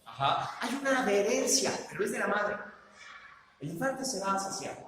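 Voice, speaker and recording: A man with a Mexican accent lectures to a live audience in a high voice, peppering his points with rhetorical questions and acting out what parents say. He sounds as if he is in a large, reverberant hall. Steady background noise sits under his voice. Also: normal speed. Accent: Mexican Spanish. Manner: rhetorical, seeks agreement with tag questions; acts out quoted parents.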